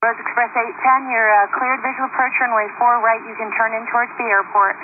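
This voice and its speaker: A female air traffic controller giving cool, calm, measured instructions over a radio transmission. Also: on the high side. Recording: tinny noisy radio archive audio.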